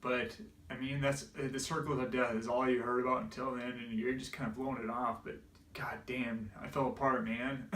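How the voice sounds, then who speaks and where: A man's voice: medium pitch, little pitch movement, a little fast, a bit bright. A man telling an emotional personal story, tearful and laughing through it, his voice breaking. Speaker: vlogger. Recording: roomy echo, distant from mic.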